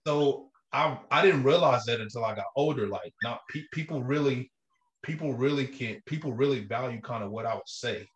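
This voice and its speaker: A man speaking earnestly and haltingly in casual, slangy, reflective conversation, with a roomy echo on the recording. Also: medium pitch. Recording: roomy, echoing sound.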